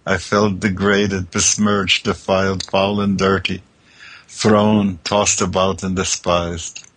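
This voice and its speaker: A man giving a solemn poetry recitation, slow, mournful and deliberate, letting each line stand apart. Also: low voice, flat delivery, a bit bright. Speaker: poetry reader.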